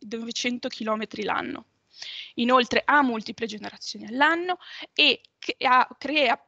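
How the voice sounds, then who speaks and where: A young woman gives an online slide presentation in a measured way, with some hesitations and self-corrections. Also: on the high side, a bit bright, no echo, highs cut off.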